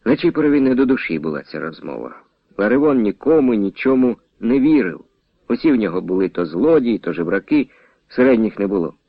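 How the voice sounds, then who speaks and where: A man narrating a novel in an expressive storytelling manner. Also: mid-range voice, a little fast, creaky, no room sound, highs cut off.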